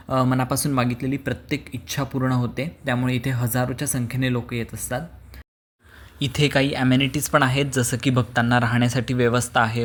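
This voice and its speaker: A man narrating his travel vlog as a calm, even tour guide, with occasional hesitant fillers. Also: mid-range voice. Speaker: vlogger.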